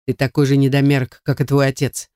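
A man's voice: medium pitch, monotone, fast, darkish tone, clean tone, no room sound, studio quality, close to an everyday voice. A man voicing a young man who coldly taunts his rival in an audiobook. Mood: taunting.

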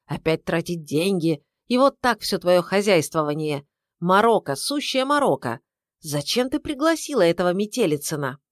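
A woman's voice: lowish voice, expressive, moderate pace, no echo, clean studio sound, lightly acted. A woman voicing a sarcastic, irritable middle-aged husband who grumbles. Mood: grumbling.

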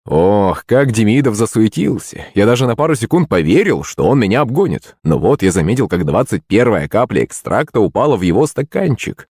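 A man's voice: fairly low pitch, sing-song, fairly quick, few pauses, darkish tone, slightly rough, no echo, clean studio sound. A man narrating a fantasy novel audiobook in a wry, storytelling manner.

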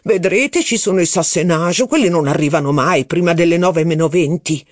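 A man reading aloud voices a blustering, impatient aristocratic duke who talks in loud exclamations. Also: fairly high pitch, moderate pace, no room sound, clean studio sound, lightly acted. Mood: scolding.

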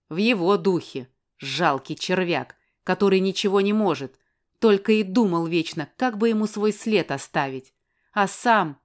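A woman's voice: lowish voice, smooth, close to an everyday voice. A woman voicing a spiteful, sneering young woman. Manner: hissing, scornful, raised voice.

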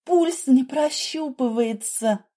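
A woman's voice: high voice, slow, dark tone, pitched above the performer's own voice. A woman reading an audiobook, voicing a frightened young nurse who cries out shrilly and sobs. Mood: alarmed.

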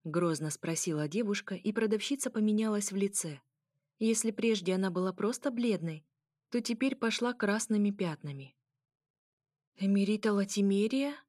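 A woman's voice: medium pitch, normal speed, darkish tone, dry recording. Woman narrating an audiobook, dry close sound. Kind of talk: audiobook narration of a fantasy story.

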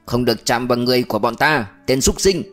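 A man voicing an angry male gate guard who shouts and bullies, in an audiobook reading. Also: mid-range voice, fast, soft background music, close to an everyday voice. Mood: furious. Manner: shouting, bullying.

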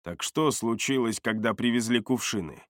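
A man voicing a menacing male mage who speaks low, quiet and threatening. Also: moderate pace, no room sound, clean studio sound, lightly acted. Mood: cold.

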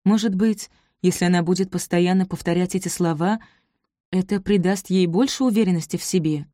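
A woman reading a romance novel aloud as narrator, measured and even. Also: fairly low pitch, no echo, clean studio sound. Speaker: audiobook narrator. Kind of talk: scripted narration.

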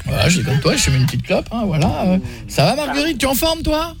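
A man's voice: high-pitched, wildly swooping pitch, fast, creaky, music in the background, pitched above the performer's own voice, heavily acted. A man putting on the part of a relative in a radio prank call, with a southern French accent, teasing and playing innocent. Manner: teasing, evasive, feigning innocence.

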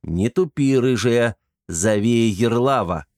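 A man reading an irritable young lord who barks orders at his slow-witted subordinates. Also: mid-range voice, expressive, a little mellow, no room sound, studio quality. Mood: exasperated. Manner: brusque, exasperated, commanding.

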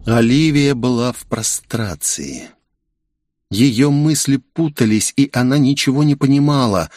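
Man, audiobook narrator, calm sly delivery, mid-pitched voice, dry close mic. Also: unhurried, no room sound. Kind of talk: first-person audiobook narration.

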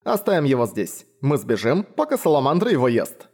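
A hoarse, grumbling companion who gives cold, practical advice with a dry, mocking edge, as the audiobook narrator voices him. The voice sits in an ordinary middle register and stays close to the reader's own. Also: male voice, mid-range voice, very animated, a little fast, a little mellow. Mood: sardonic. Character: hoarse, sardonic male companion voice, blunt and practical. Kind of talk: audiobook reading.

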